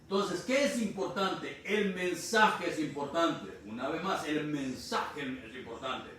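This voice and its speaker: A man from Honduras preaching a sermon, explaining slowly and repeating key phrases. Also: a little high, lively intonation, pushed and bright. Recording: distant mic in echoey room, faint noise.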